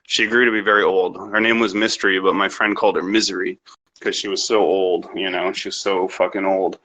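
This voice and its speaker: A man's voice: sits low, level tone, brisk, bright, forceful tone, poor audio. A young man from Canada, a podcast guest telling rambling, profane, self-assured stories about his upbringing. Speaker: interview guest. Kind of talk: casual podcast interview.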